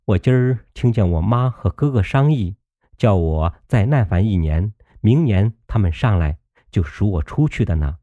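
A man voicing a young maid who is gentle but sharp-tongued, coaxing and teasing in a storybook reading. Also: on the low side, lively intonation, normal speed, no echo, muffled recording.

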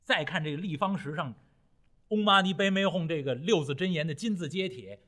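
A man telling a traditional Chinese story in a dramatic, rhythmic, expressive way. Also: a little high, moderate pace.

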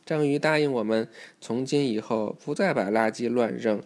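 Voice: medium pitch, normal speed, a little mellow. A parent reading a children's story aloud to a child, in an instructive way with questions to the listener.

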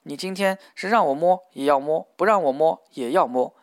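A man's voice: fairly high pitch, moderate pace, no echo, studio quality, natural voice. Audiobook: male reader voicing a crude, leering middle-aged worker, pushy and wheedling.

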